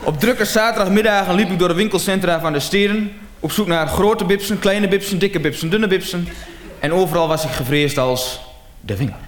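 A man performing a mock-confessional comic monologue, rising to excited shouts. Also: sits high, a little fast, hardly any pauses, roomy sound, slight background noise. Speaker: comedian.

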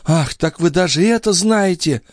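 A sly young maid pleads and flatters in a voice pushed far up, as a male narrator puts her on. The sound is close and dry, with lively swings of pitch. She begs and coaxes with feigned despair. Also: normal speed, no room sound. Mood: pleading. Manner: pleading, coaxing. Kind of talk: audiobook character voice.

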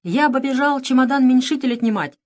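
A woman's voice: sits high, fairly quick, darkish tone, voice pushed up, lightly acted. A woman doing a dim, eager pirate man. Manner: eager, whining. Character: dim-witted cheerful male space pirate.

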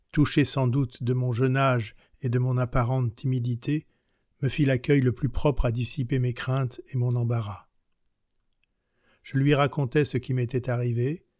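A man reading as a passionate, worldly young countess in an audiobook of a classic novel, with a measured, unhurried delivery and a steady pitch. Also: dry recording, studio quality, lightly acted.

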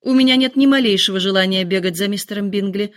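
A woman's voice: mid-range voice, fast talker, close to an everyday voice. A woman doing a cold bookish teenage girl. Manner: cold, aloof.

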